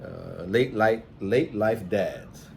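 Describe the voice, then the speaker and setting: A middle-aged man from New York City, United States, with an American accent, chats casually as a vlog host, rambling and reflective. He is a host, entrepreneur and musician, and his gravelly, fairly low voice moves slowly over a little hiss or hum.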